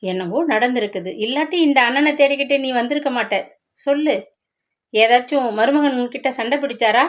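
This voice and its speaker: A poor, protective elder brother from a storybook, as a woman reads him speaks with pleading, grieving tenderness. The voice sits a little high. He sounds deeply devoted to his sister. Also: fairly quick, lightly acted. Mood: tender. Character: poor loving elder brother, middle-aged man, protective.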